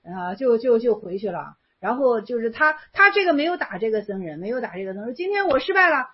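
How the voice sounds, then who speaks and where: A woman's voice: fairly high pitch, animated, quick pace, breathy edge, dull audio. A woman teaching, reading out an old text and explaining it in a conversational way, repeating phrases. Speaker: teacher explaining Zen koans.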